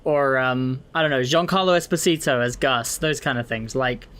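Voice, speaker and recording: A man's voice: mid-range voice, moderate pace, fairly bright tone, clean tone. A young man co-hosting a podcast, chatting casually with friends, opinionated and swearing freely. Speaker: podcast co-host. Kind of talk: casual chat.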